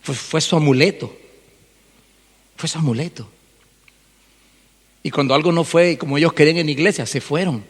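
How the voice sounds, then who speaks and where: A male pastor delivers a lively sermon. His voice sits fairly high for a man, and he peppers the talk with rhetorical questions. A long church reverb trails each phrase. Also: normal speed, pauses often. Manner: animated preaching, rhetorical questions, acts out congregants' voices. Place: church hall.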